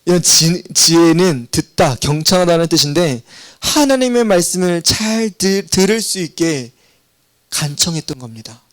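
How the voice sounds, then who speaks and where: A middle-aged man, a pastor, preaching a sermon in a church and telling stories with animated voices. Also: on the high side, normal speed, no room sound. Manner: animated storytelling, acting out voices in quotes. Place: church sanctuary.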